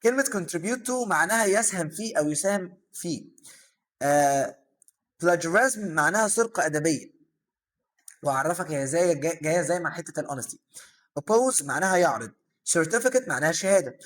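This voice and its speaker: A young man with an Egyptian accent runs through vocabulary at a brisk clip, his voice sitting fairly high for a man. He poses a question and then answers it himself, with plenty of "aah" filler, like a tutor recording a review session. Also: expressive, fairly bright tone. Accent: Egyptian Arabic. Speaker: English teacher. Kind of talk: vocabulary lesson for secondary students.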